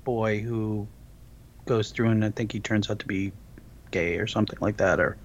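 A man co-hosting a casual movie podcast, talking haltingly with many pauses and fillers. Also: on the low side, fairly even intonation, dull audio, a little hiss or hum. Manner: hesitant, full of ums and uhs. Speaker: podcast co-host.

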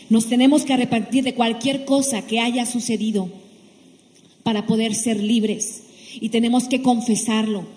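Mellow woman preaching, echoing hall. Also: on the high side. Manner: earnest, exhorting, with restarts. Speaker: pastor. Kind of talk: sermon. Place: church sanctuary. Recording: long reverb of a large hall.

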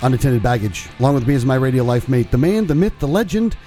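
A man's voice: medium pitch, big pitch swings, quick pace, warm tone, soft background music. An American man talking casually as co-host of a podcast. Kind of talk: casual chat.

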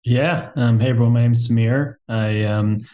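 A man's voice: medium pitch, fairly even intonation, normal speed, highs cut off. A young man from Texas, a company co-founder, talking casually as a podcast guest with lots of "um"s and a self-deprecating humor. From Texas, USA.

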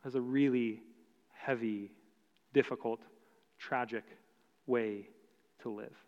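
Male pastor, measured emphatic sermon delivery, muffled recording in a large reverberant room. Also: medium pitch, fairly even intonation, darkish tone. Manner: slow, emphatic preaching with long pauses. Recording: dull sound with long hall reverb.

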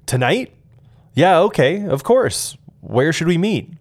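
A man's voice: fairly high pitch, big pitch swings, takes it slowly, pitched above the performer's own voice, heavily acted. A man voicing an upbeat, confident young male friend on the phone, in an easygoing and friendly way.

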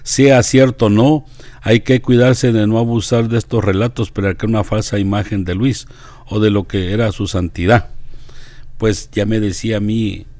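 A man reading a saint's life aloud and commenting on it in a measured, devout, earnest way. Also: fairly low pitch, steady tone, a little mellow, no echo. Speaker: reader leading a group discussion.

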